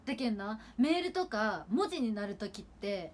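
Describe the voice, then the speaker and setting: Streaming casually at home with her sister, a Kagawa-born idol in her twenties rambles chattily in Kagawa dialect, full of fillers. Her voice is on the high side and very animated at a moderate pace, with slight hiss or hum in the audio.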